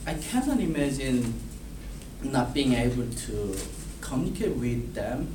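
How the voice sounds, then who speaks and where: A Korean man in his thirties reads a prepared class speech in front of a whiteboard, slow and halting, repeating and restarting words while gesturing. His medium-pitched voice is very animated. A far-off camera captures roomy, distant, noisy classroom audio.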